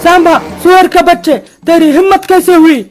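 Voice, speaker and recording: A woman's voice: extremely high pitch, fairly even intonation, normal speed, soft background music. Woman doing a bossy, scolding cartoon bandit chief. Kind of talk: cartoon comedy voice acting.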